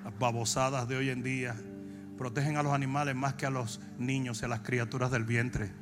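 A Dominican man preaching, telling comic stories and breaking into long shouted cries. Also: mid-range voice, flat delivery, over music. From Dominican Republic. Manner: shifts from shouted, drawn-out preaching to fast, joking anecdotes. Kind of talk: comic sermon storytelling.

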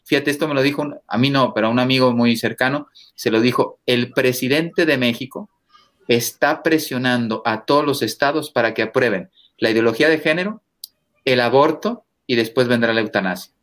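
Emphatic priest speaking forcefully. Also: male voice, fairly quick. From Mexico. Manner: emphatic, forceful, rises in pitch when stressing points. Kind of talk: interview guest, impassioned preaching talk.

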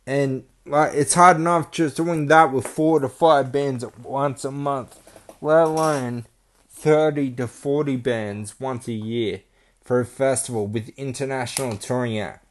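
Male podcast host, casual monologue, blunt and profane, halting with fillers. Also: mid-range voice, steady tone, a little hiss or hum.

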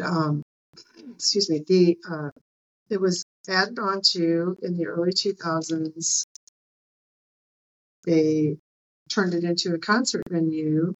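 Woman with a low voice chatting as a podcast guest, hesitant storytelling, bit muffled. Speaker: interview guest, bartender. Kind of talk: casual personal storytelling.

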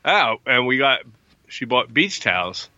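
An older man co-hosting a family podcast with his son, gruff and quick to exclaim and grumble. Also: mid-range voice, very animated, bright, forceful tone, no echo. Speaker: podcast co-host, father. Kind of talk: casual family podcast chat. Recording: dull lo-fi mic with faint noise.

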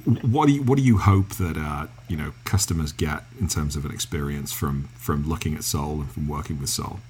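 An English man with a halting, filler-heavy way of talking, interviewing a guest in casual conversation. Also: rumbling low, a little mellow, a little hiss or hum. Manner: halting, lots of restarts and fillers.

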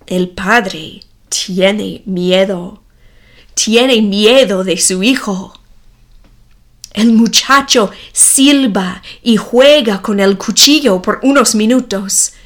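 A woman narrating a story slowly, with deliberate, clearly enunciated delivery. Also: medium pitch.

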